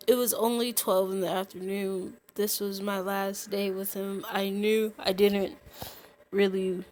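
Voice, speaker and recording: A young woman reads a fan story aloud for her channel at a slow, unhurried pace. She giggles often, stumbles over words and goes back to reread them. Her voice sits at an ordinary middle pitch. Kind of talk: casual reading aloud with asides.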